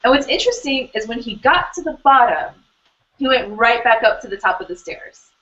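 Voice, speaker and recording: A woman's voice: on the high side, very animated, brisk, fairly bright tone, lo-fi sound. A woman hosting an online hangout, talking casually and rambling with lots of fillers and restarts. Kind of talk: casual conversational interview.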